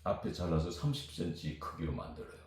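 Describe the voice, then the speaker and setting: A man in his fifties from South Korea, telling childhood stories in a rambling, animated way as a guest. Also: deep voice, fairly quick. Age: 50s. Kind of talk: storytelling chat. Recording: very echoey room with music behind.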